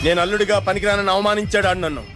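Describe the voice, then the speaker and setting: An actor playing an excitable young man who swings into melodrama and plots revenge in a comedy film. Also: sits high, very fast, soft background music. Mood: melodramatic. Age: young adult.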